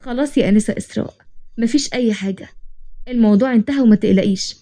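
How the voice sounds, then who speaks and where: A woman puts on a confident young male boss from an Egyptian storybook, talking fast with a mellow, dark tone. He is teasing and sure of himself, bargaining and giving orders. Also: fairly high pitch, natural voice. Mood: firm. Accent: Egyptian Arabic. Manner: bargaining, teasing, then commanding.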